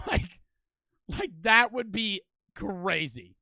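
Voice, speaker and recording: High bright-voiced man reacting excitedly. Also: extremely slow, vocal fry, a little hiss or hum. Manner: excitable, swearing, laughing at the footage. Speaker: reaction video host. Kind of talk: casual commentary.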